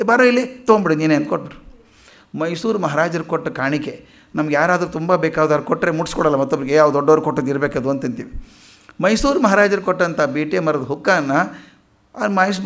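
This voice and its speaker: A man with a Kannada accent giving a public lecture, telling stories and acting out the quoted speech of the people in them. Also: high-pitched. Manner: animated storyteller, acts out quoted speech. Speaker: public speaker. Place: lecture hall.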